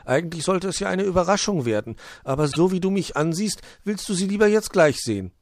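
A man's voice: sits high, animated, a little fast, no echo, studio quality, pitched above the performer's own voice. A man voicing a shy, eager male gnome craftsman in a storybook reading. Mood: earnest. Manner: earnest, a bit sheepish.

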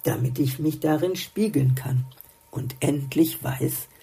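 A woman's voice: low voice, slow pace, gravelly, dark tone, slightly rough, exaggerated voice. A woman doing a grumpy little songbird. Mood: grumbling, doubtful. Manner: grumbling, doubtful.

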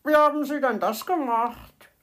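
A woman's voice: a little high, measured pace, heavy background noise, pitched above the performer's own voice. A woman voicing a small, cheerful blue bird who talks in a chirpy, eager way.

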